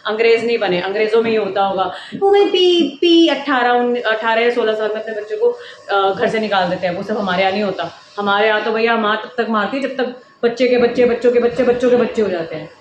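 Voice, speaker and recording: A woman's voice: medium pitch, muffled recording, a little hiss or hum. A woman mother vlogging at home, talking to camera in an emphatic, lecturing way and scolding her child now and then. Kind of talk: casual vlog talking to camera. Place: indoors at home.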